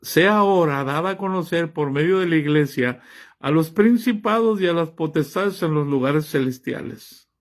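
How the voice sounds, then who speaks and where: A man's voice: on the high side, moderate pace. A man preaching a sermon, reading scripture aloud and pressing his listeners with rhetorical questions. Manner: reads scripture aloud and comments on it.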